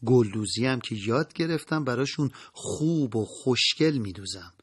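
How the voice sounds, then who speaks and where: A selfless young mother speaks softly and gently, reassuring her family in a quiet, slightly husky voice, as a male storyteller reads her lines. Her pitch sits in an ordinary middle range and stays calm and tender. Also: dry recording.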